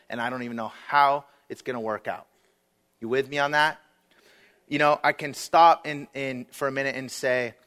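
Guy preaching a sermon, earnest and chatty, lots of "like" and "um", mid-pitched voice. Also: a bit bright. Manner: earnest, conversational, with fillers and quoted prayers. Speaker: guest preacher.

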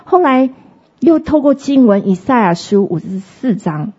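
Husky-voiced woman giving a faith testimony. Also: a little high, lively intonation, warm tone, dull audio. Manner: earnest, halting storytelling with many restarts.

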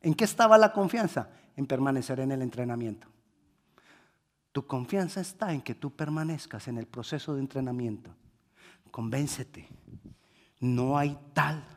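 A male preacher delivering a sermon, swinging between quiet reflection and loud emphasis. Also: medium pitch.

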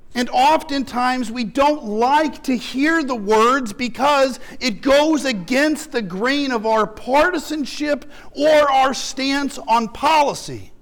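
A man's voice: very high-pitched, a bit bright. A male pastor delivering an impassioned sermon, building through rhetorical questions.

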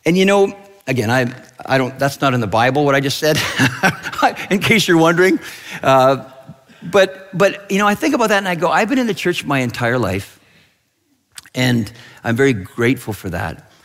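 A man's voice: medium pitch, big pitch swings, normal speed, a bit bright, big-room sound. A male pastor giving a conversational sermon, telling stories with restarts and asides.

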